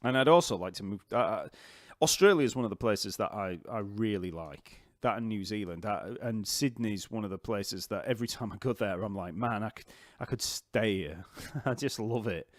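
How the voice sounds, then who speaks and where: A man with a Yorkshire accent hosting a casual live-stream Q&A, chatty and rambling and quick to laugh. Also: on the low side, dry recording, studio quality. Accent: Yorkshire English. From Yorkshire, England. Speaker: bass teacher and channel host. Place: home, near an island festival site.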